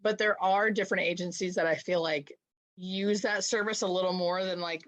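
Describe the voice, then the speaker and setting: A woman's voice: fairly low pitch, fairly even intonation, moderate pace. An American woman talking as a hospice nurse, explaining things casually in conversation.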